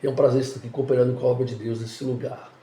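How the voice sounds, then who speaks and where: A man, a pastor and author who explains things in a calm, measured way as a podcast guest. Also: mid-range voice. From Salvador, Bahia, Brazil. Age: 50s. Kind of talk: guest interview. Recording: echoey room.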